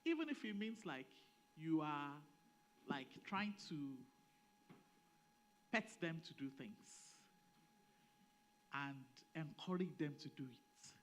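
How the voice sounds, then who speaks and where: A middle-aged woman, a Yoruba speaker, sharing parenting stories at a church family program in a lively storytelling way. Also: deep voice, takes it slowly, long pauses, low-quality recording. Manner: animated, storytelling, acts out her children's voices. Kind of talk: personal testimony in a group discussion.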